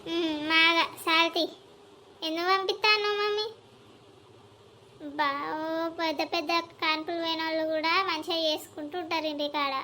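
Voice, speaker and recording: A woman's voice: very high-pitched, fairly even intonation, sharp tone, slight background noise. A woman with a Telangana accent playing a sly, meddling young married daughter in a village skit. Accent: Telangana Telugu. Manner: quick, teasing and meddling. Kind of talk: village comedy skit acting.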